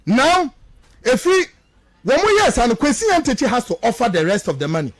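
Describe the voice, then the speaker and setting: The pitch of this man's very high voice swoops wildly as he talks a little fast, captured in a dry recording. As a radio political commentator with a Ghanaian accent, he is impassioned and accusatory, hammering phrases through repetition and moving between two languages.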